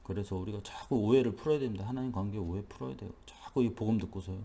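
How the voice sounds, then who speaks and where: A man's voice: lowish voice, fast, vocal fry, dark tone. A man preaching a dawn worship sermon as pastor in a church, talking in an emphatic, repetitive, conversational way.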